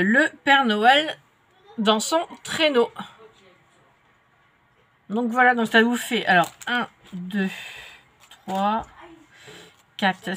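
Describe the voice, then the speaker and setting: A woman's voice: fairly high pitch, bright, forceful tone, slight background noise. A woman with a French accent and a stuffy nose from a cold, chatting casually as she unboxes craft kits. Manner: chatty, many fillers and restarts. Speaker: crafts vlogger.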